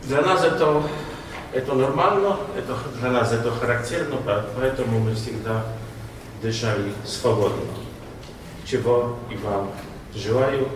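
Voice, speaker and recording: Male diplomat, formal and deliberate, short phrases with pauses, mid-pitched, recorded from afar in a hugely echoey hall. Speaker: ambassador giving an opening address. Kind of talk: formal public speech. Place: large reverberant indoor hall. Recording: very echoey hall, distant, clearly noisy.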